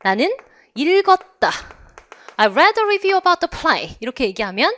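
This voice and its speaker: A woman's voice: sits high, big pitch swings, takes it slowly, a bit bright. A woman with a Korean accent teaching in an online English test lecture, asking her students to repeat phrases after her.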